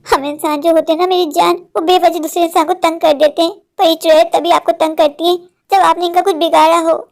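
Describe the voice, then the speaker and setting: Lady doing a clingy worried cartoon mom, super high voice, keeps saying my darling. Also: level tone, brisk, vocal fry, darkish tone. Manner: doting, insistent, says "meri jaan". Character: anxious, possessive village mother. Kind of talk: Hindi cartoon voice acting.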